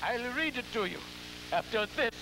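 A man playing a ghoulish, theatrical horror host, halting and repeating his words in a campy, scheming, cackling manner on an old television show. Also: very high-pitched, sing-song, gravelly, full character voice. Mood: macabre, gleeful. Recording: noisy, humming vintage television recording.

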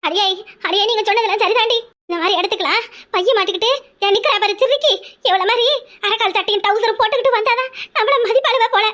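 A woman voicing a loud, quarrelsome middle-aged village woman in a cartoon, with a scolding, rapid-fire way of talking. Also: very high-pitched. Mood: complaining. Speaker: cartoon character. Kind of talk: cartoon voice acting.

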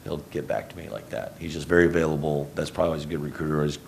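A very deep, gravelly male voice with an even, flat delivery. He is a middle-aged basketball coach at a postgame press table, rambling and correcting himself as he answers. Faint hum in the room. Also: racing. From Houston, Texas. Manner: rambling, self-correcting, low-key. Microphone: table mic on a stand.

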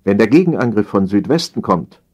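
A man's voice: fairly low pitch, animated, brisk, a little mellow, breathy edge. A man voicing a solemn emperor addressing his generals. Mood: grave.

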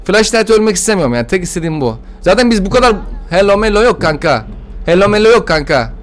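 A man's voice: high-pitched, big pitch swings, quick pace. A young man giving slangy, jittery commentary while playing a horror game, often yelping and laughing when scared. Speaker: gameplay streamer.

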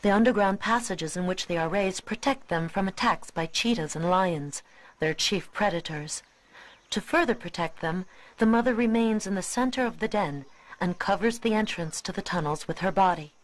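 A woman reading scripted nature documentary narration in a measured, expository way. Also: mid-range voice, low-quality recording.

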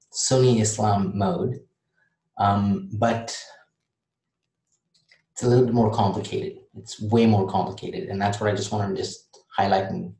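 A man vlogging casually late at night, rambling and halting with many restarts. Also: on the low side, darkish tone, roomy sound, poor audio.

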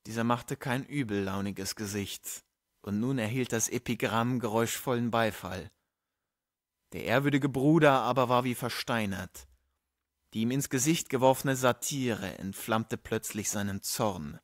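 A man reading a classic text aloud as an audiobook narrator, steady and measured. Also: medium pitch, dry recording, studio quality. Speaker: audiobook reader. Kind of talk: scripted narration.

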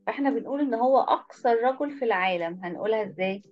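Woman, Egyptian Arabic accent, online teacher, patient and encouraging, fairly high voice, dull lo-fi sound. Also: lively intonation, quick pace. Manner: patient, encouraging, praises each pupil by name. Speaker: English teacher. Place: online video lesson.

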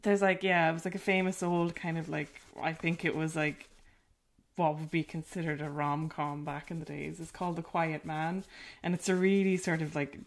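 Rural Irish woman, low gravelly voice, chatty painting livestream, self-deprecating. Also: little pitch movement, moderate pace. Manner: chatty and self-deprecating, with frequent filler words. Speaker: artist hosting a painting livestream. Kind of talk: casual chat while painting.

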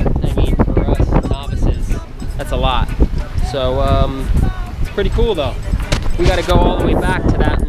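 Man, 30s, slightly high voice, easygoing self-deprecating sailing vlogger, on-deck action cam, loud music bed. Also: rough recording. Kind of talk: casual narration while sailing. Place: open sailboat deck at sea, windy. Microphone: action camera at arm's length.

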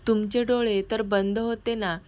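A woman narrator voicing a shy young wife who pleads softly with her husband. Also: on the high side, little pitch movement, a little slow, natural voice. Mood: pleading.

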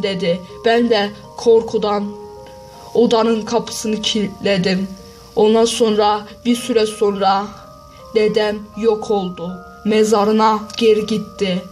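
Male narrator for a first-person horror story, plain and repetitive delivery, near-monotone, steady music bed underneath. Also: high voice, rough recording. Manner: plain, repetitive storytelling linking events with "then". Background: background music.

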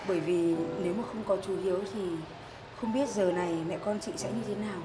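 An actress playing a young single mother who talks to her small son and apologizes to a neighbor, soft and coaxing, with music behind. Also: medium pitch, brisk, lightly acted. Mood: apologetic. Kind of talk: web drama acting.

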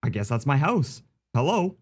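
A man's voice: mid-range voice, very animated, moderate pace, darkish tone. A man playing a horror game and commentating as he thinks aloud, easily spooked like a scared streamer.

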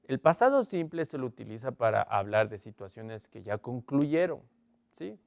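A man teaching an online English grammar lesson, explaining in Spanish and reading English examples slowly while asking his students questions. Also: mid-range voice, very animated, vocal fry, a little mellow, no echo, clean studio sound. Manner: asks students questions often.

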